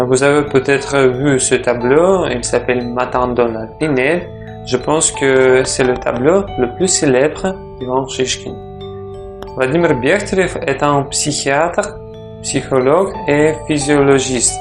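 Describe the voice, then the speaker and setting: A man from Russia with a Russian accent, a native Russian speaker, narrating a travel vlog in halting, careful phrases. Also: medium pitch. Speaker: travel vlogger. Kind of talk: scripted vlog narration in French. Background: music.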